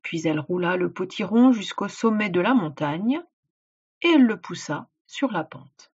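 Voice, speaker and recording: A woman teacher reading a folk tale aloud and explaining words and tasks clearly to a child, in a dull lo-fi recording. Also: lowish voice, expressive, normal speed, darkish tone. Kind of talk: read-aloud storytelling and instructions.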